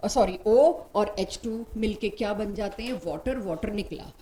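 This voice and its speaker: A woman's voice: medium pitch, measured pace, mellow, slight background noise, low-quality recording. A woman teaching chemistry in a recorded lecture who asks her class questions and answers them herself, switching into English phrases.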